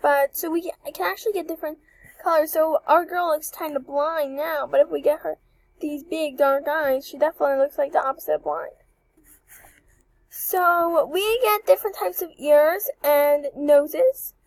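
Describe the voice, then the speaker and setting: Young woman host, high chatty voice, eager walkthrough tone, dry close mic. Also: normal speed, no room sound, poor audio. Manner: chatty, excitable, apologetic asides. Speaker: channel host reviewing avatar creators. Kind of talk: casual screen-recording walkthrough.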